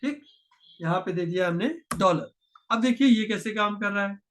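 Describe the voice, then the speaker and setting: A man teaching programming in a screen-share tutorial, explaining patiently step by step and slowing down to dictate code, mixing with terms. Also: sits high, slight background noise.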